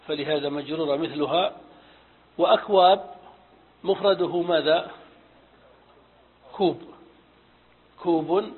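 A man teaching Arabic grammar in a methodical lecture, asking and answering his own questions and repeating key terms. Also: on the high side. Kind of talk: classroom lecture on morphology and syntax. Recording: phone-like audio with long hall reverb.

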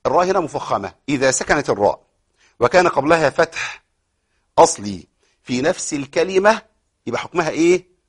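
An Egyptian man teaches Quran recitation on a program, and his voice sits a little high for a man. He talks fast, with many fillers and repeated words. He asks questions and answers them himself, and recites verses slowly. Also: sing-song, slightly rough. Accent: Egyptian Arabic. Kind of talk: tajweed lesson on a broadcast program.

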